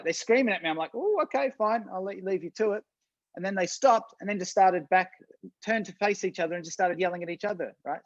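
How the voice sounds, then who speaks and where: This online workshop presenter has a fairly high pitch and coaches on business in a relaxed, conversational style, restarting sentences, repeating himself, and checking in with listeners. There's no echo, but the recording is muffled.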